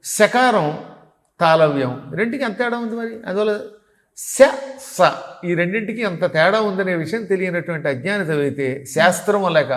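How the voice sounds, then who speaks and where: Older male spiritual teacher, didactic and high-voiced, in a reverberant hall. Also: fairly bright tone. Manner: didactic, demonstrates syllable sounds, chuckles at examples. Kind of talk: devotional teaching.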